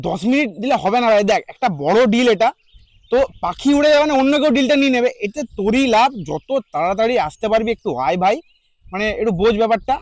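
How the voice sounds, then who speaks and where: A man plays a young man with a Bengali accent whose voice sits high and strained. He was cheated out of money paid for a job and now presses his friend with urgent, bitter demands. The film sound is natural and outdoorsy. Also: dry recording. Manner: urgent, pleading on the phone, then bitter and confrontational. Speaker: actor in a short film. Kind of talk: naturalistic short film acting.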